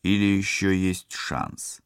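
A man's voice: sits low, completely flat delivery, slow, smooth, dry recording, studio quality, pitched above the performer's own voice. A man voicing a cautious cyborg navigator. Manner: careful, hesitant.

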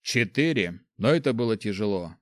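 A man's voice: lowish voice, lively intonation, normal speed, no room sound, clean studio sound, lightly acted. A man voicing a cautious male cleric who sighs with worry. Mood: worried. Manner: cautious, sighing.

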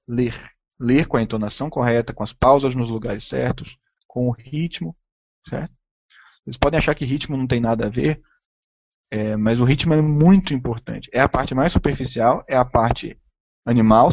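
A man's voice: medium pitch, darkish tone, no echo. A man giving an opinionated lecture, speaking emphatically and checking in constantly with tag questions. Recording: dull, dry lo-fi recording.

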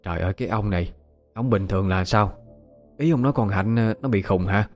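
A man's voice: fairly low pitch, a little fast, soft background music, close to an everyday voice. A man doing a scolding rural mother. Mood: indignant. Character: middle-aged rural mother, scolding and sharp-tongued.

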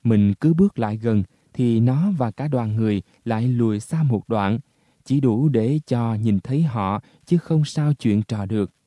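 A man reading a story aloud as narrator, in a steady, measured way. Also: mid-range voice, no echo. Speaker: audiobook narrator.

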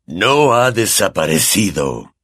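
A bitter, furious professor as a male narrator puts him on, low and drawn out, with wide swings between a hiss and a bark. Close, dry recording. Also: huge pitch swings, breathy edge, no echo, full character voice. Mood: seething. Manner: slow, seething, shouting.

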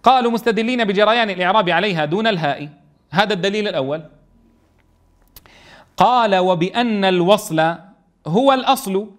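A man's voice: high-pitched, fairly quick, pauses often, fairly bright tone. A man training Quran teachers in a classroom lesson. He reads a text aloud, explains it, and keeps checking with his students.

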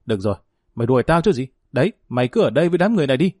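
A man voicing a sharp-tongued, quarrelsome older aunt in a spoken family drama. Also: mid-range voice, sing-song, no room sound, clean studio sound. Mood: scolding, furious. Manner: harsh, berating, rapid tirades.

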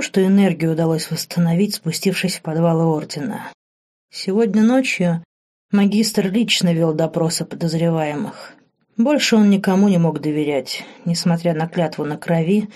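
Woman narrating an audiobook, mellow. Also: lowish voice. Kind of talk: scripted narration.

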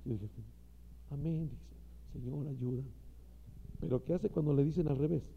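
Gravelly-voiced man preaching with passion. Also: on the high side, moderate pace, big-room sound. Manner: impassioned preaching, talks straight to the listener. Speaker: pastor. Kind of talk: sermon to ministers. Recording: dull lo-fi recording.

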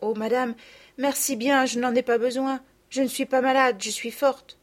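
A woman's voice: high voice, level tone, moderate pace, voice pushed up, natural voice. A woman voicing a poor, frail little girl who speaks meekly and politely in a storybook reading. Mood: meek, pleading. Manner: meek and polite.

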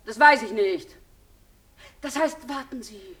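An actress playing a despairing woman clinging to her lost lover on the telephone, moving between hushed murmurs and loud calls into the receiver. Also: on the high side, takes it slowly. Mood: anxious. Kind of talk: radio drama acting.

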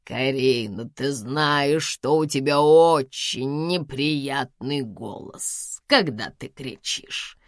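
A woman reading an audiobook, voicing a domineering elderly woman of eighty-two who scolds in slow, drawn-out, commanding phrases. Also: sits low, lively intonation, dry recording, clean studio sound, heavily acted. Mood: scolding, domineering. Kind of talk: audiobook character voice.

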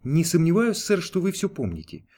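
A man's voice: on the high side, huge pitch swings, moderate pace, darkish tone, slightly rough, pitched above the performer's own voice, exaggerated voice. A man reading an audiobook, voicing a dutiful male archangel who answers politely and with restraint. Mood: deferential. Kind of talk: audiobook character voice.

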